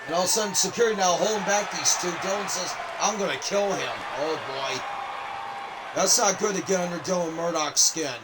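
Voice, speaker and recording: A man doing excited play-by-play wrestling commentary, full of exclamations, over loud crowd noise. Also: high voice, a little fast.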